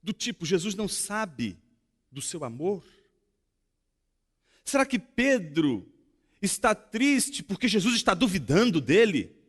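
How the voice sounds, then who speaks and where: Animated Brazilian preacher in an echoey hall. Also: male voice, high-pitched, slow, long pauses, breathy edge. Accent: Brazilian Portuguese. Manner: dramatic, swinging between loud emphasis and hushed tones. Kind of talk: sermon. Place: church sanctuary.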